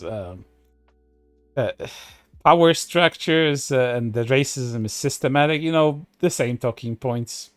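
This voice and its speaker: A man's voice: mid-range voice, no echo. A man commenting on online posts in a sarcastic, profane way, with many fillers and restarts. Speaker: streamer.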